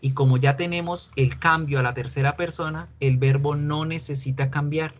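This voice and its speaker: His voice sits on the high side, with fairly even intonation and a moderate pace, though the recording cuts off the highs. A male English teacher, he explains grammar patiently in a recorded online class, dropping in English examples and voicing a student's questions before answering them.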